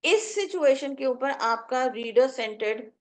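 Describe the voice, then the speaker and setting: High-voiced woman lecturing a class. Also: expressive, measured pace. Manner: explanatory, repeats points, code-switches often. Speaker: college English lecturer. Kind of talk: classroom lecture mixing Urdu and English. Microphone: lecture recording to class and online students.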